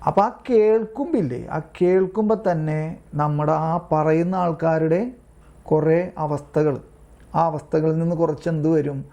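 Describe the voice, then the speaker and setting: A man teaches his online prayer group. His voice is gravelly and sits a touch high, with a mellow, darker colour. He reads passages aloud, explains them in a plain, repetitive way, and keeps checking whether his listeners have understood, all heard over a video call. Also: unhurried, muffled recording. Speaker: lay preacher leading an online prayer group. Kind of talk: informal religious teaching, reading aloud and explaining.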